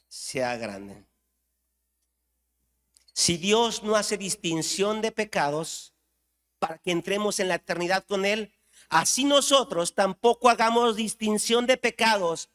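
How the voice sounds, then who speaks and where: A Mexican man preaching with fervor, his voice sitting fairly high for a man and ringing with the long reverb of a church hall. He swings from loud, driven outbursts down to hushed, earnest lines. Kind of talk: sermon.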